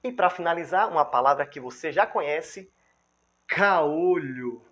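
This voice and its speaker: A Brazilian man with a fairly high voice and a Brazilian Portuguese accent leads a lively grammar lesson. He checks in with the viewer constantly. Example words are slowly spelled out syllable by syllable.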